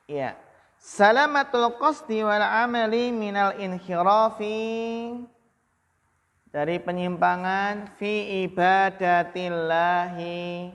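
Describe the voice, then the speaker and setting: A man with an Indonesian accent teaching Arabic grammar to a class. He draws out Arabic phrases slowly, then fires quick questions at students by name. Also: high voice, fairly even intonation, fairly bright tone, long reverb tail. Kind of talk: classroom lesson, calling on students.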